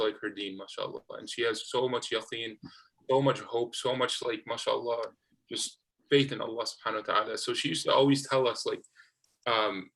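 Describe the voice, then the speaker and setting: A man's voice: medium pitch, sharp tone, rough recording. Rambling young man telling a story. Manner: rambling, hesitant, many restarts, laughs easily. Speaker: co-host. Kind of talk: casual personal storytelling.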